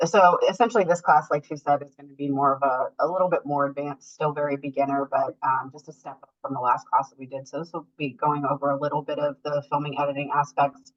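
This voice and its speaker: A woman with a low voice teaches a beginner workshop over a group voice call. She explains patiently and fills her pauses with frequent ums. The call audio sounds dull and lo-fi. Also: fairly even intonation. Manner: explanatory, many filler ums. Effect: heard over an online group voice call. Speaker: workshop instructor. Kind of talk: online class teaching.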